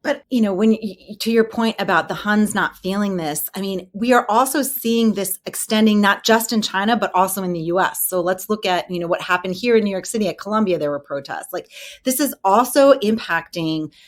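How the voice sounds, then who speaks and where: A woman with a middle-pitched voice speaks as a panelist in an unscripted political discussion. She is earnest and questioning, adding one point after another and opening them up to the others. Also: a little fast.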